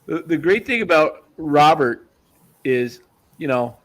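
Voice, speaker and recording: 60ish guy cohosting, easygoing and chuckly, kinda higher bright voice. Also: lively intonation, slow. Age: 60s. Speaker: co-host. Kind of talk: casual chat.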